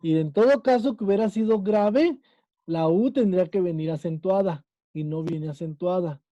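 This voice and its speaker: A man's voice: high-pitched, moderate pace, warm tone, no echo, lo-fi sound. A man with a Mexican accent, teaching a Spanish class and quizzing his students, checking in with them again and again. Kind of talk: online class lesson.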